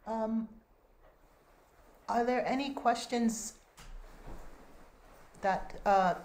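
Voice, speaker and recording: A woman moderating a video-call panel, reading out a question and answering it herself, halting and restarting often. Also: on the high side, a little mellow. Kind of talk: online panel discussion. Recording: echoey room, faint noise.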